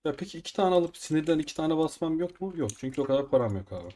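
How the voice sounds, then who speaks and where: A man casually commenting on his own gameplay as a gaming video host, excitable and quick to get frustrated. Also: on the high side. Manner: excitable, frustrated outbursts while upgrading items. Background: keyboard typing and mouse clicks.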